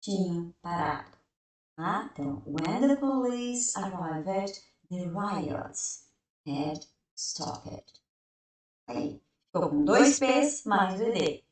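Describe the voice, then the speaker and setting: A woman teaching a grammar lesson at an unhurried, deliberate pace. She walks through each step, asks questions and answers them herself, and reads the example sentences slowly. Her voice comes from some distance away in a very echoey room. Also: fairly low pitch, expressive, darkish tone. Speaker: English teacher.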